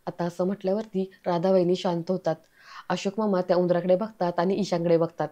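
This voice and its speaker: Mellow woman narrating a recap. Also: on the low side, little pitch movement, brisk. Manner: chatty, addresses viewers as friends. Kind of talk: casual storytelling recap. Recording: slightly dull lo-fi audio.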